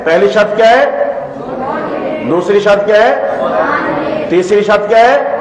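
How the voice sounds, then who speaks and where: A man giving a religious lesson as a Quran teacher, earnest and pleading, who asks the audience questions and repeats the answers. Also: a little high. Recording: echoey hall from far off, faint noise.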